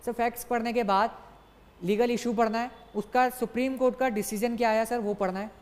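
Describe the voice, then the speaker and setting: A young man gives an exam-prep lecture in a brisk, coaxing way, calling his students "sir" again and again and hammering key points through repetition. His voice carries a long, lingering reverb, as if recorded in a large hall. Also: extremely high pitch, steady tone. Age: young adult. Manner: repeats key points for emphasis. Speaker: exam tutor.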